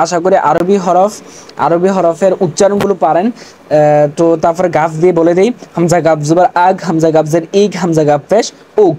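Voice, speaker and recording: A teacher giving an online language lesson, drilling letter sounds slowly and deliberately after opening with religious greetings and prayers. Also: medium pitch, dark tone. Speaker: Urdu teacher.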